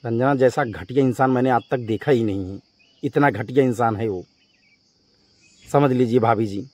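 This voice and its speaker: At normal speed and with no echo, a man whose voice is medium in pitch and a little mellow addresses his YouTube viewers. His rant is confrontational and scolding, emphatic, and he keeps repeating himself.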